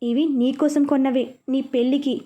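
A woman voicing a caring, anxious middle-aged mother who speaks gently and reassuringly. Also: high-pitched, fairly even intonation, moderate pace.

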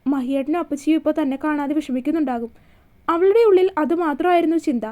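A woman storyteller narrating a romance story with a steady, dramatic reading. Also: high voice, quick pace.

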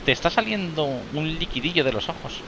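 A man's voice: a little high, lively intonation, fairly quick, noisy background, voice pushed up. A man reading aloud the lines of a small, curious alien creature that speaks of itself in the third person. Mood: puzzled. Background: game music.

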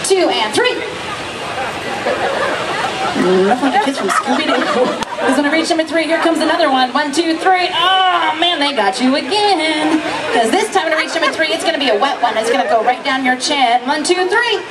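A high-voiced woman works an outdoor stage as a comedy hypnotist, with theatrical, repeated commands and counting. Her amplified voice is picked up from far off, with a very loud crowd around it. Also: brisk. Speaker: stage hypnotist and show host. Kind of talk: comedy stage hypnosis show patter to audience. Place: outdoor open-air amusement park stage. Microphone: handheld microphone through PA, recorded by distant camera. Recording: noisy crowd, distant PA outdoors. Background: loud crowd noise and laughter.

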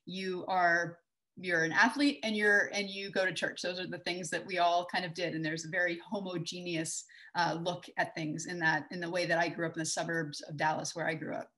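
Presenting a conference talk with slides over a video call, this woman in her forties from Texas has a low-leaning voice with flat delivery that sounds pushed and bright, and she moves briskly. The webcam picks up a conversational style with many fillers and restarts.

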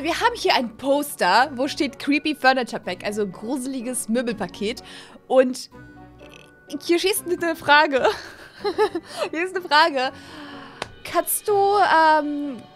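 Speaking in a high-pitched voice, this woman in her twenties hosts a gaming channel and gushes excitedly through let's-play commentary, tossing in English words for her audience. The recording comes from a close, arm-mounted desk microphone with a headset in her small home gaming room, with background music underneath.

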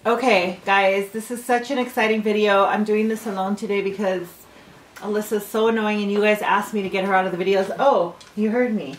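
A woman's voice: mid-range voice, fairly even intonation, brisk. A young woman hosting a casual unboxing vlog, teasing and bossing her sister in a playful way. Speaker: vlogger. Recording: echoey room with light noise.

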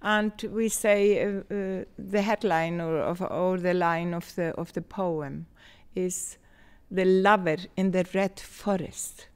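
An Icelandic woman, a choir conductor and native Icelandic speaker, talking slowly and searching for words in a casual interview in a dim rehearsal hall. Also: lowish voice, steady tone, a little mellow, clear, resonant tone. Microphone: handheld interviewer's mic.

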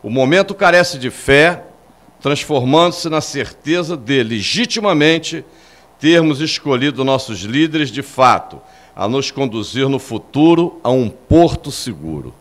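An older man stands at a podium in an indoor hall and reads a prepared statement into the microphone. His pitch sits in the ordinary middle range for a man. His delivery is steady, measured and formal. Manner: measured, solemn official reading. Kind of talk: reading a formal statement aloud.

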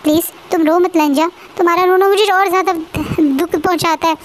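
A woman voicing a gentle, anxious young man who soothes and pleads in a storybook retelling. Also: high-pitched, steady tone, normal speed, slight background noise, lightly acted, poor audio. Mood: pleading.

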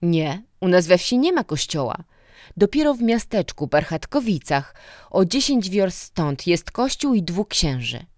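A frightened village teacher speaks humbly and anxiously, trying to please as a woman reader puts him on. The voice stays low and unhurried. It is a dry, close audiobook reading. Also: sing-song, a little mellow, no echo.

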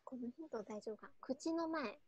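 A woman playing a word game, giving clues quietly, hesitantly and politely. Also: high voice, normal speed, breathy edge, dry recording, muffled recording. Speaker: game player. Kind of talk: casual game play.

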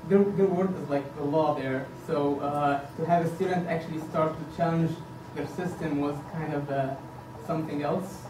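Speaking from a podium in a meeting room, an Egyptian man in his thirties running for the board delivers an earnest campaign speech full of hesitations and fillers. His slightly high voice holds a steady tone at normal speed with few pauses, captured by a distant camera amid echo and background hiss.

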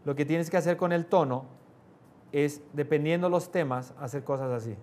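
Man teaching a class, swinging his pitch. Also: moderate pace. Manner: varies pitch and loudness for emphasis, asks "¿no?" often. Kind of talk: live class talk to an audience. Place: class room with air conditioning.

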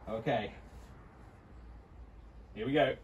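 A man chats casually outdoors as he works on a tractor, his voice sitting at a middling pitch. He talks half to himself, hopeful, with excited bursts. Faint outdoor ambience hums behind him. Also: slow pace, highs cut off, a little hiss or hum. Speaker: vlogger restoring an old tractor. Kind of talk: casual commentary while working. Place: outdoors beside an overgrown tractor.

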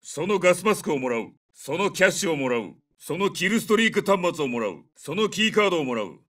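A seasoned special forces captain from a military video game. His voice is sharp and tense, fairly high for a man and highly varied in pitch. He fires off terse, commanding battlefield callouts. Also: big pitch swings, fast, recorded from a distance, exaggerated voice. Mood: businesslike. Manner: terse, commanding radio-call delivery. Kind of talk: military shooter combat callouts.

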